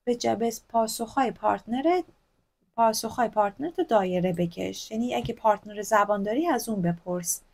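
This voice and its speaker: Brief: woman English teacher, Persian accent, slightly high voice, slow careful example readings, chatty asides. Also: gravelly, a little mellow. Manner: reads English examples slowly, explains in Persian; chatty, corrects herself openly. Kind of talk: recorded textbook lesson.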